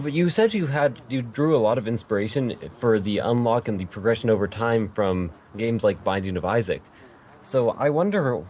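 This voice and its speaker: A podcast host interviews a guest, his medium-pitched voice darkish in tone over slight background noise. He chats casually, rambles a bit, corrects himself as he goes and laughs lightly.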